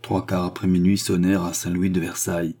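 A man narrating a classic novel as an audiobook in a measured, even storytelling manner. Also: sits low, husky.

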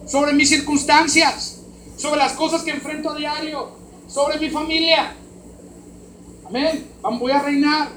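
A man with a Mexican accent preaching a sermon as pastor, swinging from hushed words to loud, emphatic ones. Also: very high voice. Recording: roomy hall echo, faint background noise.

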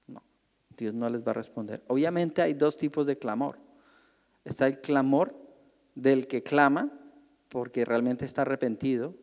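A man's voice: medium pitch, darkish tone, long reverb tail. A male pastor teaching a Bible class in a conversational way, asking the group questions and acting out the voices he quotes.

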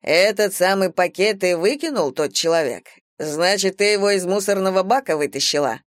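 A woman reading a stern, unhurried police captain. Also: medium pitch, no room sound, lightly acted. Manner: dry, slow, deliberate. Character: stern middle-aged male police captain. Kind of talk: audiobook character voice.

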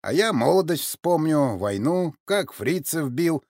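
A man's voice: on the high side, sing-song, unhurried, darkish tone, no room sound, clean studio sound, voice pushed up. A man voicing a proud, touchy old veteran. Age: older. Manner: indignant, haughty. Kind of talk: audiobook character voice.

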